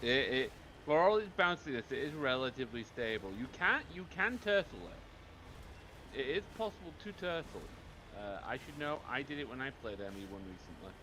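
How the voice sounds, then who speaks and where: A man's voice: mid-range voice, lively intonation, a little fast. A man co-hosting a game playthrough, chatting and explaining casually as he goes. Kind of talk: casual gaming commentary. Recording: clear background noise, game ambience.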